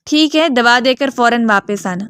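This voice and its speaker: A protective former soldier speaks to his daughter with gentle concern in a storybook reading, voiced by a woman. The voice is a touch high and dry. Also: smooth, no echo, lightly acted.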